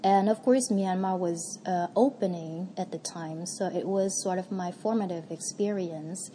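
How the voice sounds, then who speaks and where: Researcher guest, a woman from Vietnam, lower warm voice, thoughtful answers with frequent restarts. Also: measured pace, slight background noise, low-quality recording. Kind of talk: interview answers.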